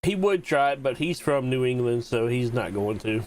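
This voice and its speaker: A man's voice: medium pitch, expressive, normal speed. A man streaming a game, chatting casually and teasing his friends with joking, profane banter. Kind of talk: casual gaming stream chat.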